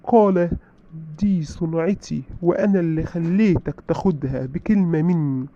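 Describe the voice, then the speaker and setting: A man's voice: a little high, moderate pace. A man with an Egyptian accent giving blunt relationship advice in a lecturing, preachy way. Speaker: advice giver. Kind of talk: direct advice monologue. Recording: dull lo-fi sound.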